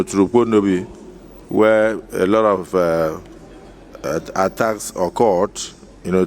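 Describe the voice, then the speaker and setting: A man with a Nigerian accent presiding over a Senate, giving halting, deliberate rulings and calling votes. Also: fairly low pitch, slight background noise. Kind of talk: procedural chairing. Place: legislative chamber.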